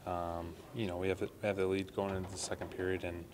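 After a game, a hockey player in his thirties speaks earnestly to reporters in an arena press room, using lots of "you know" fillers. He has a deep voice, a level tone, and talks fast, with a noisy background.

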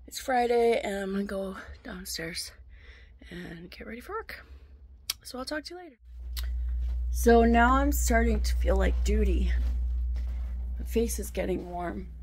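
A young adult woman chatting casually in a video diary, unwell with a swollen throat, often trailing into a breathy murmur. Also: mid-range voice, lively intonation, unhurried, pauses often, darkish tone, slight background noise. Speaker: vlogger. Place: small rooms at home. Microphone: handheld phone at arm's length.

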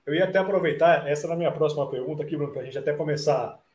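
A man's voice: a little high, rapid-fire, darkish tone. A man hosting a casual live interview who asks long, rambling questions full of "né?" tags. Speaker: interview host. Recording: roomy echo.

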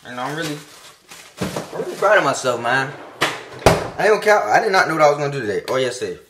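Fast-talking and sing-song, a young adult male vlogger addresses his phone camera outside over background noise. His voice is slightly high, and his chatter is rambling, slangy, and encouraging.

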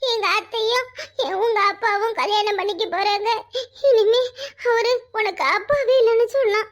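A woman voicing a squeaky little schoolboy. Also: moderate pace, a bit bright. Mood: worried. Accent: southern Tamil, Tirunelveli. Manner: pleading, whimpering questions. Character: small schoolboy, anxious and tearful. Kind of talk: cartoon voice acting.

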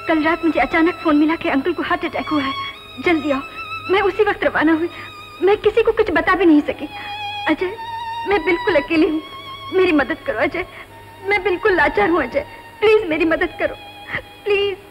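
High-pitched, tearful woman on telephone. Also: sing-song, measured pace, few pauses, music in the background, full character voice, rough recording. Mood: desperate pleading. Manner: tearful, urgent pleading. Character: helpless, grieving young woman calling her boyfriend. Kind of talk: pleading on an old telephone call, film drama.

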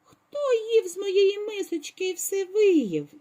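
A woman voicing a small boy bear cub in a squeaky, shrill voice while reading a storybook to children. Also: sing-song, slow, dark tone, heavily acted. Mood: whiny.

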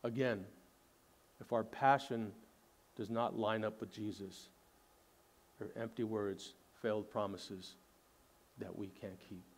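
A male pastor preaching a sermon in an earnest, conversational way, retelling scenes dramatically and dropping to a soft low voice at the ends of phrases. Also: fairly even intonation, slow pace, long pauses.

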